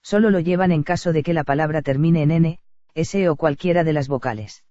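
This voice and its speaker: A man reading a grammar lesson aloud in a steady, even lecture delivery. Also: a little high, a little fast, dry recording. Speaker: teacher. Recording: dull lo-fi dry recording.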